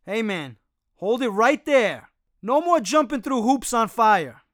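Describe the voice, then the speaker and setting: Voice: mid-range voice, big pitch swings, unhurried, fairly bright tone, no echo, clean studio sound. An actor voicing a cocky, street-smart male chimpanzee who talks in brash slang in an audiobook. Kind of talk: audiobook character voice.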